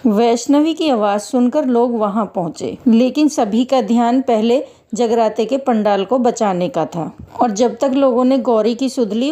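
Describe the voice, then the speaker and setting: A woman narrating a devotional story in a measured, dramatic manner. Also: on the high side, mellow.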